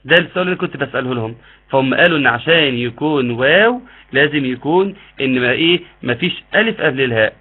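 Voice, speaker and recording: A man with an Egyptian accent teaching an online tajweed lesson, explaining patiently and modeling slow recitation. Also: mid-range voice, animated, husky. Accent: Egyptian Arabic. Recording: tinny phone-like line.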